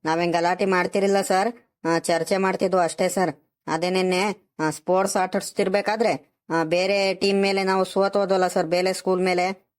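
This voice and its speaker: Woman voicing a flat-voiced cartoon schoolboy. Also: fairly low pitch, lightly acted. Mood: explaining. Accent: rural Karnataka Kannada. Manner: explaining, pleading. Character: apologetic young schoolboy teammate. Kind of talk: cartoon voice acting.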